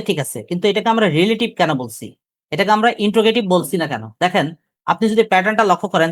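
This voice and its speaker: A male teacher with a Bangladeshi Bengali accent gives a live grammar lecture. He keeps asking the class questions and repeats key terms slowly. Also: high-pitched, fairly bright tone, no echo, clean studio sound.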